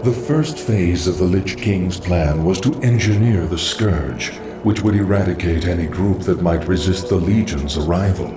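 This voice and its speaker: A man's voice: deep voice, moderate pace, few pauses, close to an everyday voice. An actor playing a scholarly undead lich necromancer in a video game, formal and solemn in his devotion. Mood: sinister, composed. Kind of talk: dramatic video game acting. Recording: echoing voice under loud music.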